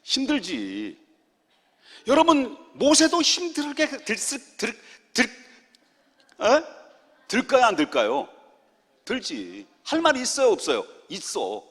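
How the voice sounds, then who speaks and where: Animated pastor in a reverberant hall. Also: male voice, extremely high pitch, slow pace, long pauses, breathy edge. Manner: animated, jokes with the congregation, acts out quotes. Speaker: senior pastor. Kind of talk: lively Friday prayer-meeting sermon. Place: church sanctuary. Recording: long church hall reverb.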